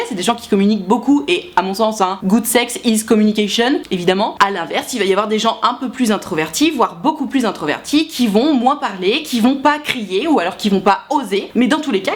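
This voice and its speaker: A woman vlogging casually to camera, frank and chatty, reading out viewer messages and talking straight to the viewer with slang. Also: fairly high pitch. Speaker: sex education vlogger.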